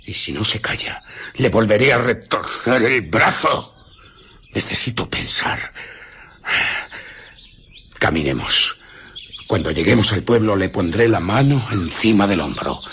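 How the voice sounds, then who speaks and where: A low, menacing invisible man. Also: expressive, unhurried, pauses often, a bit bright, slightly rough, exaggerated voice. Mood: angry, commanding. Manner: threatening, commanding. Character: menacing, domineering invisible man, bitter fugitive scientist. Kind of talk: radio drama acting.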